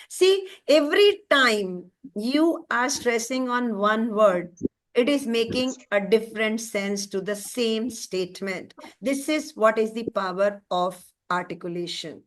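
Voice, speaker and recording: A woman's voice: on the high side, fairly bright tone. A woman with an Indian English accent leading an online teacher-training class, stressing words and often checking in with her listeners. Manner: emphatic, keeps checking in with "right?".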